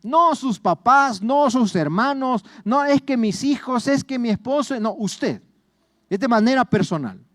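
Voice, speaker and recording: Salvadoran pastor preaching, high voice. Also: male voice, expressive, unhurried, a bit bright, no room sound, studio quality. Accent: Salvadoran Spanish. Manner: earnest, repeats words and addresses listeners as brothers. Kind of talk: sermon.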